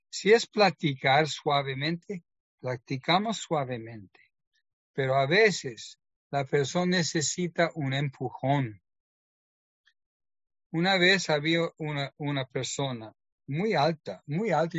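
A man's voice: a little high, dry recording, muffled recording. A man preaching in a church meeting, telling a personal story and acting out the people in it. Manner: storytelling, acts out quoted dialogue. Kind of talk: sermon with personal testimony.

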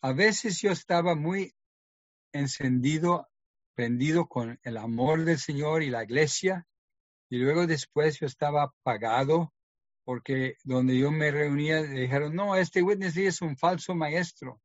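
A man's voice: fairly high pitch, measured pace, no room sound, dull audio. A middle-aged man giving an earnest personal testimony, acting out the lines of the people in his story. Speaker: testimony speaker.

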